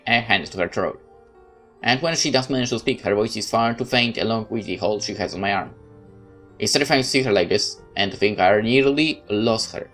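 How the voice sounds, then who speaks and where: This is a male let's-play narrator performing a horror visual novel in first person with measured, theatrical delivery. His voice sits fairly low and carries a fairly bright tone.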